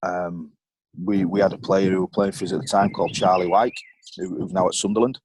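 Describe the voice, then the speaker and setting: A man's voice: low voice, fairly even intonation, brisk, background noise. A middle-aged man, a former footballer and board member, candidly telling stories as a podcast guest, rambling with lots of ums and you knows.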